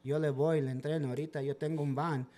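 A man's voice: a little high, little pitch movement, quick pace, dark tone. A man guest, a dog trainer, telling stories animatedly in casual podcast talk and mixing in English words.

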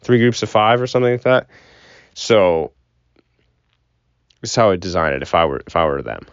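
A man's voice: low-pitched, expressive, normal speed, smooth, no echo. A young man rambling casually and with opinions about sports as a solo podcast host, swearing now and then, recorded inside a closet. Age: young adult. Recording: muffled closet recording, dull and dry.

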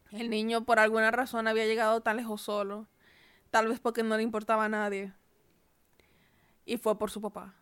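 Female podcast co-host, smooth and bright, dry storyteller. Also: on the high side. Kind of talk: casual storytelling.

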